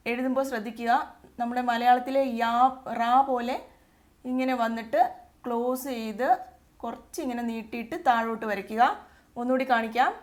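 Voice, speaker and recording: Here a Malayali-accented Arabic tutor teaches the alphabet slowly, saying each letter's sound two times for students to repeat. She speaks in a slightly high voice with a level tone, step by step and patient.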